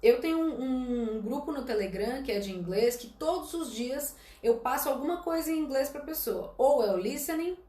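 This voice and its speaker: This former flight attendant from Brazil, now an English teacher in her late twenties, speaks in a high, dark-toned voice with lively intonation at normal speed and few pauses, in a reverberant space. She gives blunt career advice on a live-stream Q&A, emphatic and direct, constantly saying "tá?" and "gente".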